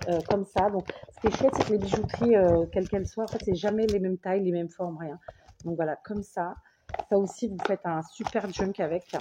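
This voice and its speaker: A French woman vlogger with a medium-pitched, warm voice chats casually to camera, unboxing mail: a parcel of craft paper. She thinks aloud, restarts and trails off, enthusiastically repeating how much she loves each piece, over a little hiss or hum.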